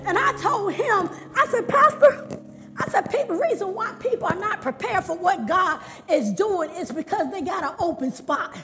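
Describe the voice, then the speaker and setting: A woman preaches with a very high, animated voice, shouting phrases and laughing between them. Her sermon rings through a church hall with long reverb, and music plays clearly behind her.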